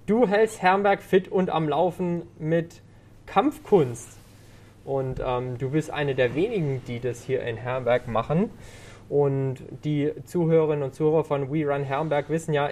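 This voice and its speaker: A man's voice: mid-range voice, darkish tone. A man hosting a fitness podcast, asking his guest questions in a friendly manner with frequent filler sounds. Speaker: podcast host. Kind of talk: casual interview hosting.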